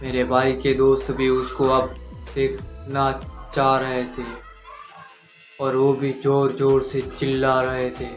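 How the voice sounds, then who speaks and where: A man narrating a scripted first-person horror story in a measured, monotone way, addressing his listeners directly as the channel's host. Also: medium pitch. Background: faint background music.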